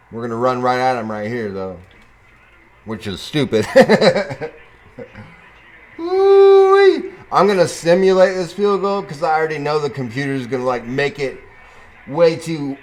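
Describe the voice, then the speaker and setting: A man casually commenting on his own football video game play, chatting to the game and breaking into sudden excited whoops. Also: mid-range voice. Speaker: gaming YouTuber.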